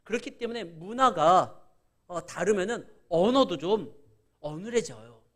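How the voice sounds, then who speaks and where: Middle-aged pastor, Chungcheong accent, preaching in a high, lively voice, acts out dialogue in his stories. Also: a little slow. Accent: Chungcheong Korean. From Korea. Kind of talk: sermon.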